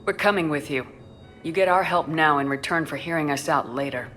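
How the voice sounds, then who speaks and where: Confident military commander, faint music. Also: female voice, low-pitched, fairly quick, fairly bright tone. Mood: cool, firm. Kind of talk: dramatic video game dialogue.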